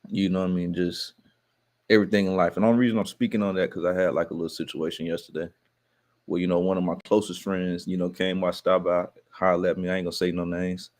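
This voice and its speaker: Low mellow dude rambling on a livestream, sound all muffled like through a wall. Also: male voice, flat delivery, fast, no room sound. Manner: laid-back, rambling, talks straight to his viewers. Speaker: livestream host. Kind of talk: casual livestream chat. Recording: dull, muffled livestream audio.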